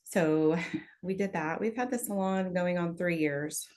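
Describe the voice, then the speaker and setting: Easygoing woman in her forties, slightly low. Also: unhurried, a little mellow. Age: 40s. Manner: easygoing, hesitant with ums. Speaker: podcast guest, salon owner. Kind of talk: casual interview answers. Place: unfinished gym office. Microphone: laptop, recorded on a call.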